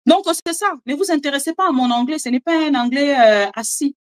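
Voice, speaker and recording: A woman with a Congolese French accent giving animated, chatty political commentary and joking asides to her viewers. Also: high voice, fairly quick. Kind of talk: casual live commentary, French mixed with Lingala.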